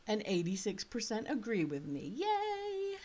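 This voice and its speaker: This author, a woman in her thirties, has a somewhat high, darkish voice with huge pitch swings and a measured pace, plus a slight British accent. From a small indoor room she chats casually, thinking aloud through an online choice game.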